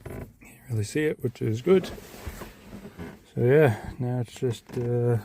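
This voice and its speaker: Speaking slowly at a medium pitch, a vlogger talks through installing something on his vehicle, muttering to himself in a loose, unscripted way while he works in and around it. His handheld camera mic is noisy, catching clicks and rattles.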